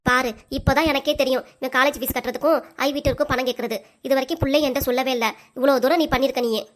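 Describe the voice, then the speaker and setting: A woman voicing an angry mother and wife in a cartoon, scolding sharply and without pause. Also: high voice, steady tone, close to an everyday voice. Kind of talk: cartoon voice acting.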